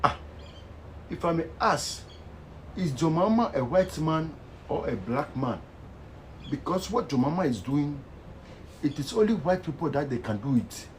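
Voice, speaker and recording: A man with a Ghanaian Pidgin accent rants with fervent, preachy energy. His voice sits a bit high and swings widely in pitch. There is faint noise behind him. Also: sing-song, moderate pace, long pauses, low-quality recording. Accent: Ghanaian Pidgin English. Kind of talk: impassioned social media rant.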